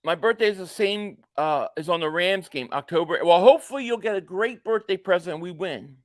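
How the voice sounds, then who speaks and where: Brisk and high-voiced, with lively intonation, a man in his late forties runs a casual football-reaction stream. He reads viewer comments aloud, rambling and joking as he goes. There's no echo on the recording.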